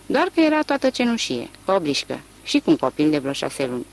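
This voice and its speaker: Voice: medium pitch, very animated, rough recording. An audiobook reader voicing a farmer man who gossips in a matter-of-fact way.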